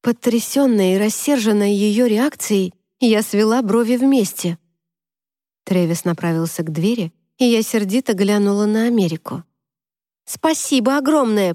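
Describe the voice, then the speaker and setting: Woman narrating with a dark, mellow voice. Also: mid-range voice, dry recording, studio quality. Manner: steady, measured storytelling. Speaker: audiobook narrator. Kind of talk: scripted first-person narration.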